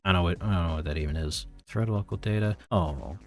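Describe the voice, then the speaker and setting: Live-streaming his programming, a man thinks aloud in casual, rambling, self-deprecating commentary. He talks quickly in a low-pitched voice, with music playing in the background.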